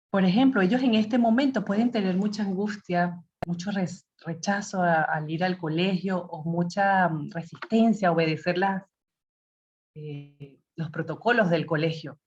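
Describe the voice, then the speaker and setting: A woman giving a calm, advising talk to parents, sometimes acting out what a parent might say to a teenager. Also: fairly low pitch, a little hiss or hum. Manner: calm, advising, acts out parent-child dialogue. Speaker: parenting speaker. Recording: dull lo-fi audio.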